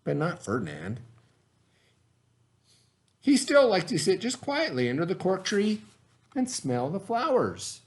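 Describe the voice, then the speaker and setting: Man, higher-pitched voice, very varied intonation, children's read-aloud, chatty informal asides. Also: measured pace, long pauses. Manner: animated, informal asides to the listeners.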